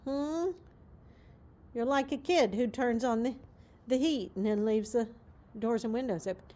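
A woman with a fairly high voice coos baby talk to her horse, now and then sinking to a hushed whisper. She speaks slowly and gently while filming on a handheld phone in a barn aisle. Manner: cooing baby talk, drifting to soft whispers. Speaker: horse owner. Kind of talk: casual vlog talking to her horse. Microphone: handheld phone camera.

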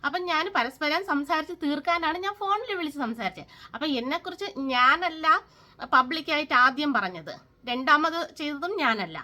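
A woman's voice: high-pitched, expressive, moderate pace, sharp tone. A woman, speaking in a bitter, sarcastic and scolding personal vlog rant. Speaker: vlogger.

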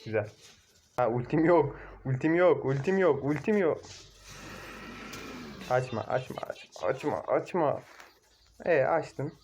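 A young man casually commentating his own mobile game match, excitable, cursing at teammates and shouting now and then. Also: mid-range voice, unhurried, long pauses, slight background noise. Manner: excitable, swears and shouts at teammates, laughs loudly.

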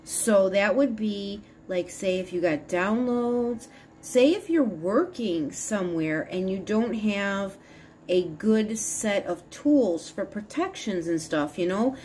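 A woman's voice: mid-range voice, lively intonation, takes it slowly, darkish tone, a little hiss or hum. A woman in her fifties gives a casual spiritual talk to her phone camera at home, explaining earnestly in a meandering way and often restarting her sentences. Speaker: spiritual advisor. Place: small room at home, indoors. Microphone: phone camera at arm's length.

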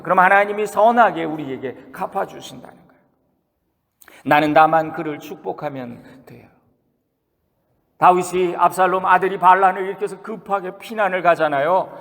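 Pastor guy preaching, kinda high voice with lots of gravel, long echo off the church walls. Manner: conversational preaching, asks the congregation questions and acts out quotes. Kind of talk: sermon. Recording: long reverb of a church hall.

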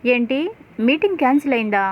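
A woman's voice: sits high, expressive, quick pace. Woman reading a shocked, demanding businessman. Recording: tinny phone-like sound.

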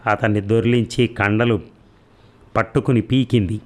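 Male audiobook narrator, low-pitched, calm and measured. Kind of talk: storytelling narration.

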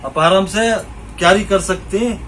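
The voice is high, pushed and bright, at normal speed, belonging to a middle-aged man from India showing fishing gear to a camera in a small, cluttered indoor shop. He's repetitive and keeps pointing things out to the viewer, and the audio is poor, with slight background noise.

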